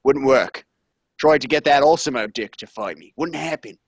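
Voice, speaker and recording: A man co-hosting a comedy podcast, talking in an animated, jokey, rambling way. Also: mid-range voice, moderate pace, dry recording. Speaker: podcast co-host.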